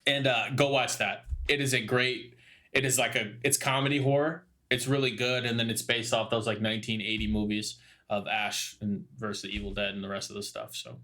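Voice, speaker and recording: A young man with a bright, ringing voice chats casually among friends on a podcast. He talks loosely and circles back on himself, with plenty of fillers and restarts. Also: fairly low pitch, level tone, brisk. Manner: rambling storyteller, many fillers and restarts. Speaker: podcast co-host. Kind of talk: casual chat.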